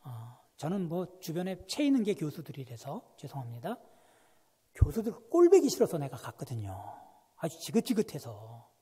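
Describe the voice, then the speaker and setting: A man preaching a sermon as a guest pastor, telling a story with animated swings between hushed and loud delivery. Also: on the high side, normal speed, breathy edge. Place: church sanctuary. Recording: long church reverb.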